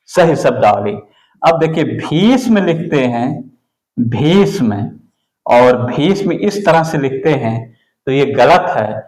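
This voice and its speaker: A man teaching an exam-prep spelling lesson, going slowly and repeating each word. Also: mid-range voice, roomy sound, low-quality recording. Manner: slow, deliberate, repeats words for the student.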